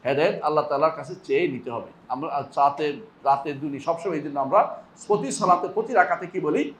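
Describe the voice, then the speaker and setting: Male Islamic scholar, Bangladeshi Bengali accent, high voice, mosque sermon, Arabic recitation, rhetorical questions. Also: fairly quick, slight background noise. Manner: asks the audience rhetorical questions and answers them; recites Arabic verses, then explains them. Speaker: Islamic scholar giving a weekly lesson. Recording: echoey mosque hall.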